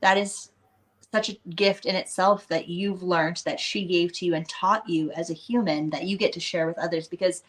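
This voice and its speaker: A woman's voice: lowish voice, fairly even intonation, normal speed. Woman cohost chatting casually, reflective, says like a lot. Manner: chatty and reflective, with many "like" fillers. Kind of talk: casual conversation.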